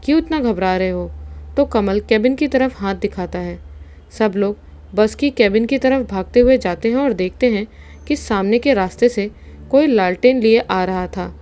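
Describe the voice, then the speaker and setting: A woman narrating a horror story in a steady, suspenseful storytelling manner. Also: mid-range voice, normal speed.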